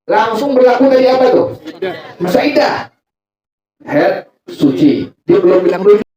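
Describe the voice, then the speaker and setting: A man's voice: sits high, animated, moderate pace. A man preaching a joking religious lecture, teasing the crowd and asking them to fill in answers. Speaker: Islamic preacher. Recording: echoey hall, far mic, loud crowd laughter. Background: loud crowd laughing.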